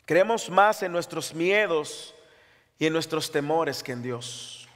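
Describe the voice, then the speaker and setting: A man's voice: on the high side, expressive, takes it slowly, a bit bright, big-room sound. A man preaching an impassioned sermon as pastor, reading scripture aloud. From Latin America.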